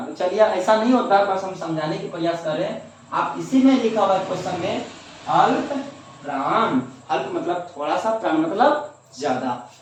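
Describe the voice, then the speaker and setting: Man, teacher, classroom grammar lesson, asks and answers his own questions, high voice, very echoey room. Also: distant mic. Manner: repeats questions to students and answers them himself.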